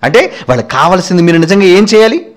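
A man preaching with fire and rebuke, his voice pitched high for a man and swinging widely up and down. He fires question after question at his congregation and scolds them sharply. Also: sing-song, fast. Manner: fiery and scolding, with frequent rhetorical questions to the congregation. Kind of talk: sermon.

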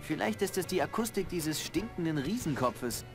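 Lively, high-voiced young pirate. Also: male voice, normal speed, gravelly, music in the background. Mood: innocent, sly. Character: young, earnest, cheeky would-be pirate, twenty. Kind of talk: cartoon adventure game acting.

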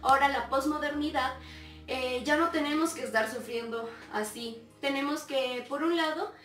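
A woman's voice: high-pitched, normal speed, fairly bright tone. A young woman performing a theatrical monologue dramatically, with sobbing and sing-song wailing. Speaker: stage performer. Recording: roomy sound from a distant mic, faint music.

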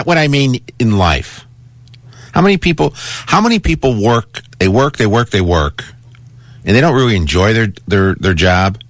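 A man hosts a talk radio show from a studio, chatting casually with callers and in monologue, repeating and restarting phrases for emphasis. His mid-range voice is creaky, recorded on a close broadcast microphone with no room sound.

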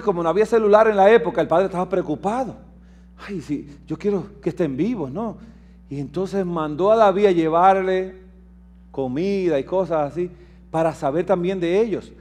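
A man preaching in a lively sermon-style talk, retelling scripture and firing rhetorical questions at his listeners. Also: sits high. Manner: asks the audience rhetorical questions; retells scripture with emphatic, shifting delivery. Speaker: preacher and health lecturer.

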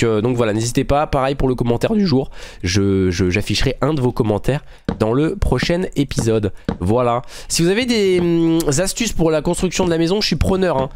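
A friendly, talkative man giving casual gameplay commentary. He thinks aloud as he plays, with an ordinary mid-pitched voice, and speaks to his viewers as friends. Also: a little mellow, dry recording. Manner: chatty, thinking aloud while building; friendly, addresses viewers directly. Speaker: gaming channel host.

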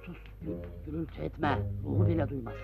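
A man's voice: a little high, very animated, a little fast. An actor in an old film playing a crafty, bossy old grandfather. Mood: coaxing. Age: older. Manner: gravelly, coaxing, bossy. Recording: dull old film soundtrack with music.

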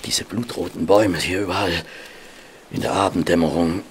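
A man playing a courteous, cautious doctor who narrates and speaks in an audio drama in a measured way. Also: low voice, steady tone, a little hiss or hum, natural voice. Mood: weary, uneasy. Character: genteel, cautious male doctor, detective's companion and narrator.

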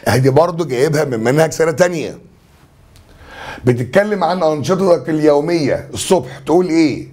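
A man's voice: fairly high pitch, a little mellow. A man with an Egyptian accent, a French teacher going through exam answers in a chatty, joking way. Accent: Egyptian Arabic. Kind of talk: exam review lesson.

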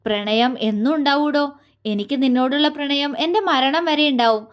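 Audio story: a woman doing a gentle young husband, earnest, soft, higher-pitched read. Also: moderate pace, natural voice. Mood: tender. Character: young husband, tender and loving.

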